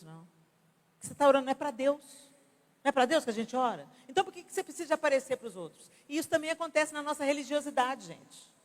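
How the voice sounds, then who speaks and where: A Brazilian woman pastor in her fifties, preaching at a women's conference in an animated, conversational way with acted-out examples. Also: high voice. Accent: Brazilian Portuguese. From Brazil (Belo Horizonte). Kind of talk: conference sermon. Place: large church conference hall. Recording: reverberant church hall.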